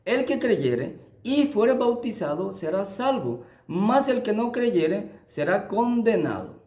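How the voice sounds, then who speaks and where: A man teaching the Bible in a sermon style, emphatic, lifting his voice for scripture and dropping low to press a point. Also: big pitch swings, slow, dark tone, reverberant. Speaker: preacher.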